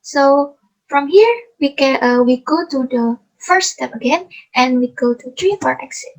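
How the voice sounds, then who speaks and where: A young woman from Indonesia presenting a class coding project, in halting, simply phrased speech. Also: sits high, rough recording. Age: young adult. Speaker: student presenter.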